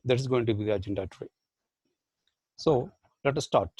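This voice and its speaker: A man's voice: mid-range voice, a little fast, darkish tone, breathy edge, dry recording. A man with an Indian English accent, a professor and life skills trainer whose first language is Badugu, giving a motivational online lecture full of rhetorical questions and repeated phrases.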